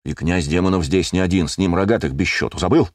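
A battle-hardened army captain in an audiobook, read by a man, growling his words in a deep, low voice. The recording is dry and close, with no room sound. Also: fast talker, dry recording. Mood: stern. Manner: growling, stern.

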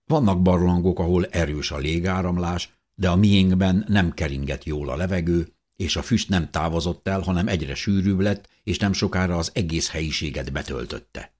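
A man's voice: deep voice, few pauses, a little mellow. A man narrating a novel in the first person, telling the story expressively as an audiobook reader.

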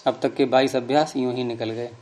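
A man's voice: mid-range voice, fairly even intonation, fairly quick, a little mellow, a little hiss or hum. A middle-aged man teaching a grammar class, explaining patiently and quizzing his students. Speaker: Sanskrit teacher.

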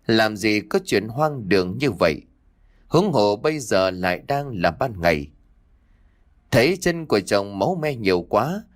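Man narrating a ghost story, lively. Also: on the low side, dry recording.

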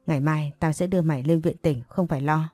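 A woman's voice: deep voice, steady tone, dry recording. A woman voicing a bossy young village woman who scolds and urges her friend. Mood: urging. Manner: scolding, quick and forceful.

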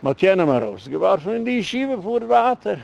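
A man's voice: sits high, sing-song, quick pace, gravelly, a little mellow. A man, a rabbi, delivering a heated, rambling lecture in an emphatic way, dropping English words into his speech.

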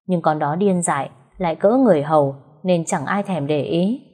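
Lady telling a story, kinda husky, lowish voice. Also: normal speed. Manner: steady storytelling. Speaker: narrator. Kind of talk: audio story narration.

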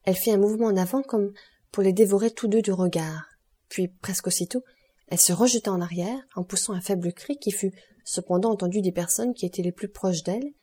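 A woman reading a classic novel aloud as an audiobook, in steady scripted narration. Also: medium pitch, brisk, breathy edge. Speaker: audiobook reader.

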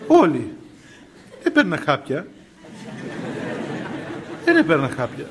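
A man's voice: fairly high pitch, huge pitch swings, crowd noise, background noise. A middle-aged man, a priest giving an informal sermon full of stories, chuckling often and restarting his phrases. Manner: storytelling, chuckling often, many fillers and restarts. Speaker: priest giving a spiritual talk.

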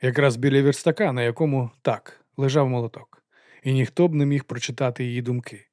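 A man narrating an audiobook in a calm, even reading voice. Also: medium pitch, fairly quick, no echo, studio quality.

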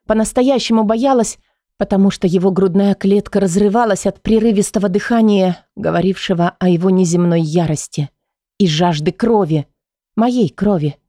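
A woman's voice: medium pitch, moderate pace, mellow, dry recording, clean studio sound. A woman narrating an audiobook in the first person, in a tense and emotional way.

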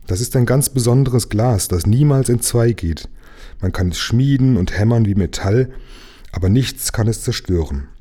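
A man voicing a sad, gentle young mermaid princess in a storybook read aloud, with a soft, tearful voice. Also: mid-range voice, moderate pace, pitched above the performer's own voice, lightly acted. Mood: sad, earnest.

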